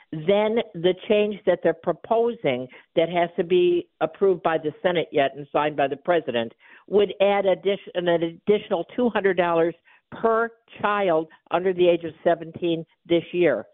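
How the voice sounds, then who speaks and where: On a narrow, tinny phone line, a woman with a fairly low voice speaks as an expert guest on live radio. She is a tax preparer and company chief executive who sounds wide awake as she explains things. No room sound can be heard.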